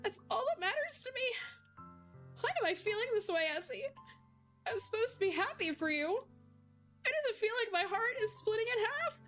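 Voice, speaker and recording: A woman voicing a cheerful yet heartbroken teenage girl, speaking high and tearfully while reading a visual novel aloud. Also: lively intonation, unhurried, long pauses, faint music behind. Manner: high, wavering, tearful pleading.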